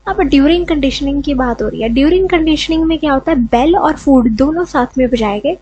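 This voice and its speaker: A woman's voice: high voice, brisk, a little mellow, dry recording, highs cut off. A woman teaching an education lesson, explaining step by step and often checking in with "okay". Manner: mixes English terms, repeats "ठीक है" often.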